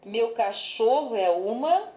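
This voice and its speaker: A woman reading exercise prompts aloud in a measured way. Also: on the high side, expressive, darkish tone, roomy sound, rough recording. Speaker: lesson narrator.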